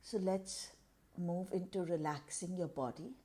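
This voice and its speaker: In a guided meditation, a woman speaks in a fairly low voice, unhurried and deliberate. She lets pauses fall after each short phrase, keeping everything calm.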